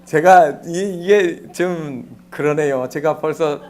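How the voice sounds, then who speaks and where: A male pastor preaching a Sunday sermon in a church sanctuary, soft-spoken and measured, with frequent pauses. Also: on the high side.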